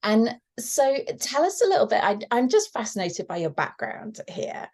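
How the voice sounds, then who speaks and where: A woman's voice: a little high, sing-song, normal speed, darkish tone. A woman hosting a video-call interview, asking a guest questions and encouraging her along. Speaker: interview host.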